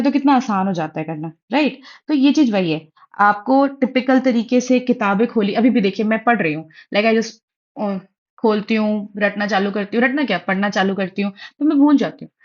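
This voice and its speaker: A young woman giving casual exam study advice, chatty and mixing English phrases into her Hindi. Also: a little high. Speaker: exam prep tutor. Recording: dull lo-fi audio.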